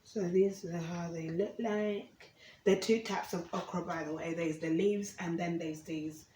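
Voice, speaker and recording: Her voice is on the low side and dark in tone, steady and unhurried, with slight background noise. She's a Ugandan cooking vlogger casually chatting as she preps food in her home kitchen, often checking in with "okay?". A distant camera mic yields a roomy recording with faint ambience.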